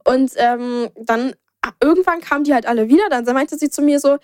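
A woman's voice: high voice, fairly quick, no room sound, studio quality. A young woman hosting a podcast, chatting casually and acting out the voices of the people in her stories. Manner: animated storyteller, acts out quoted dialogue. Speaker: podcast host. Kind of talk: casual chat.

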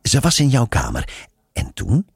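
A man's voice: mid-range voice, huge pitch swings, a little slow, darkish tone, breathy edge, no room sound, clean studio sound, voice pushed up, full character voice. A man voicing a tipsy man who speaks soothingly. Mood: coaxing. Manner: unctuous, coaxing.

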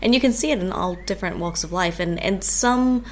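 Woman co-host in casual chat, mid-pitched. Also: a little fast, slight background noise.

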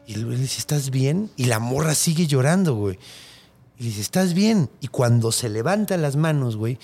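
Animated, slangy Mexican male storyteller. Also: medium pitch, a little fast, breathy edge. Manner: slangy, animated, swears a lot. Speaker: podcast host. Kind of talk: casual storytelling.

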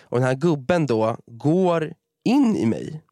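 Man, slightly high voice, casual chat, animated storyteller, swears, mixes in English, dry close sound. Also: no room sound.

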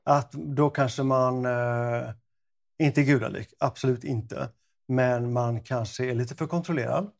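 A man with a gravelly, creaky voice co-hosts a podcast in casual chat. He banters playfully with his partner and keeps his voice at a medium pitch. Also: fairly even intonation. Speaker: podcast co-host.

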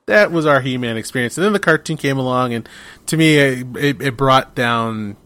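A man in his forties hosting a podcast, telling stories in a rambling, animated way with many restarts. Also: mid-range voice, normal speed. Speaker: podcast host. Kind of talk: casual chat.

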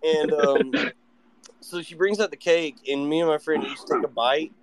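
A man hosting a casual podcast, telling rambling, profane anecdotes in an animated way. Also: on the high side, moderate pace, no room sound. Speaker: podcast host. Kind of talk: casual storytelling chat. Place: live online audio room.

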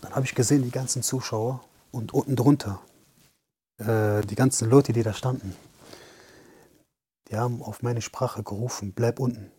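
A man's voice: medium pitch, moderate pace, pauses often, husky, no echo. A young man, a professional boxer, telling a story in casual chat, acting out the lines of the people in it. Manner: animated, retells scenes with quoted dialogue.

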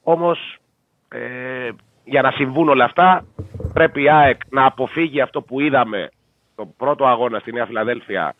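Man analysing football over a tinny line. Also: medium pitch. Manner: measured, thinks aloud with fillers. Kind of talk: casual sports betting talk. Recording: tinny dry phone line.

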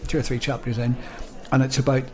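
A man's voice: medium pitch, little pitch movement, quick pace. A man co-hosting a podcast, chatting casually and rambling with lots of restarts. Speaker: podcast co-host. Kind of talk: casual chat.

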